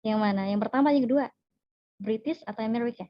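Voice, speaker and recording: A woman's voice: on the high side, fast talker, dry recording. A young Indonesian woman teaching an English class, friendly and mixing English with Indonesian. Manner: friendly, mixes English with Indonesian, laughs often. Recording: dull, dry lo-fi sound.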